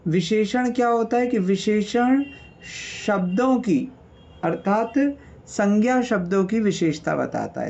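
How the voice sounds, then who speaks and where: A male teacher leads an online revision class in a slightly high, gravelly voice. He speaks slowly and patiently, lists word meanings and keeps checking that his students follow. The call audio sounds a little dull and muffled. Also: darkish tone. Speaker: Sanskrit teacher.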